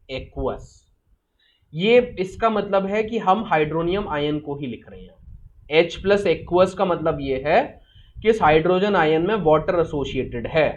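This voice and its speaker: A man teaches a chemistry class in a fairly high voice, firing questions at his students and repeating the answers so they stick. He slips English terms into his explanations. The recording is dull and lo-fi. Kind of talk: live class lecture.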